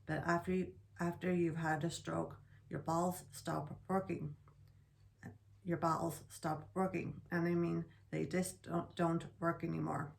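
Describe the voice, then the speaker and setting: Low flat-voiced woman speaking haltingly. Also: gravelly. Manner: slow halting speech with restarts. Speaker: guest sharing stroke recovery. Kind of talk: reading prepared remarks.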